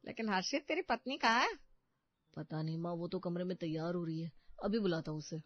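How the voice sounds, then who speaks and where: A woman's voice: fairly low pitch, expressive, a little fast, dry recording, voice pushed down. A woman voicing a mild, obliging young husband answering his mother, over faint music. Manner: mild, deferential. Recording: muffled, faint background music.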